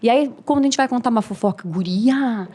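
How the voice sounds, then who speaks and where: As a guest on a podcast, a woman who mentors people in speaking walks through tips in a warm, instructive way, demonstrating as she goes. Her voice sits high and sounds slightly mellow, and she talks very fast.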